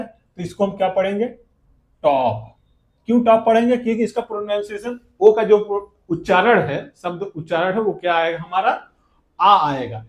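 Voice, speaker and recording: A man teaching a classroom English lesson, speaking with a Hindi accent in a notably high-pitched voice. He keeps putting rhetorical questions to the class and answering them himself.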